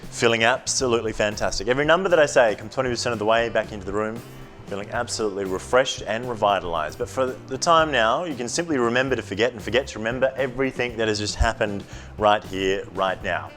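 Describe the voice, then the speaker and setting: A man's voice: fairly low pitch, fast talker, a bit bright, faint music behind. A man working as a stage hypnotist, speaking in repetitive, suggestive phrases. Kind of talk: comedy hypnosis patter and interview chat.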